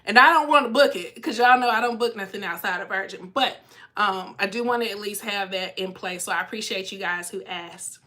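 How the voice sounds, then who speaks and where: A woman's voice: medium pitch, a little fast, bright, forceful tone. A young woman chatting casually on a live stream as a cruise vlogger and travel agent, her voice nasal and congested from a cold. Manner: chatty, reads out viewer comments.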